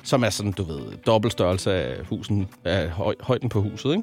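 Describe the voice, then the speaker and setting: A man's voice: sits low, expressive, a little mellow, soft background music. A man in his thirties from Zealand, a radio host telling a weekend story in casual chat, full of fillers and restarts. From Zealand, Denmark.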